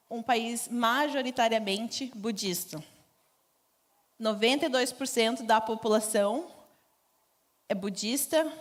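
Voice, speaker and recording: A woman giving a conversational church mission talk, informal and laughing often. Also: fairly high pitch. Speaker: missionary speaker. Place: church stage.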